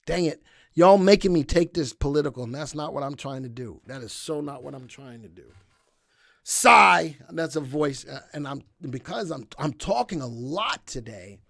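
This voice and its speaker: A market analysis show host, losing his voice during a live broadcast, speaks in a slightly high, fairly bright, creaky voice at normal speed. He's expressive, folksy and rambling, thinking aloud and reading viewer comments, with no room sound.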